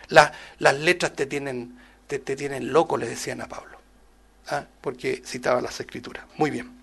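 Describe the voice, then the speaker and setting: A man preaching a Bible-study sermon, rising loud on scripture quotes and dropping soft on asides, often calling listeners "brother" and asking rhetorical questions. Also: a little high, gravelly. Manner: addresses listeners as "hermano", many rhetorical questions.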